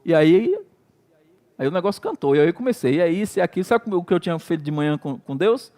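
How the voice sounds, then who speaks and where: Preaching quickly and expressively, this middle-aged Brazilian pastor has a voice that sits high for a man and sounds slightly mellow. He tells the sermon like a loose story, performing his own prayers and exclamations, and his Brazilian Portuguese accent never fades.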